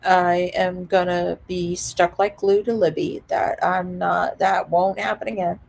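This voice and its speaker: A woman vlogger casually retelling a dramatic story, animated, with frequent laughter. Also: fairly low pitch, measured pace, gravelly. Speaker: reseller vlogger.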